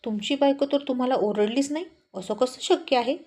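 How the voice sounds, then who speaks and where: A woman voicing a cheeky male friend who jokes and mocks but flares up quickly. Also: high voice, dark tone. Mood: mocking.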